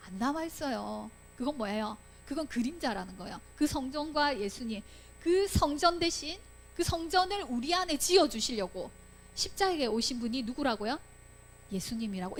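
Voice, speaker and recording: A woman teaching a children's Sunday school Bible lesson, asking the children questions and acting out the voices she quotes. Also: high-pitched.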